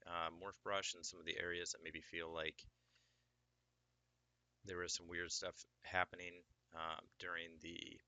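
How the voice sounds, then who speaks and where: Deep-voiced, crisp man teaching software. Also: no echo. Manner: casual, explanatory, many fillers. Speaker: 3D sculpting instructor. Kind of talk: screen-recorded software tutorial.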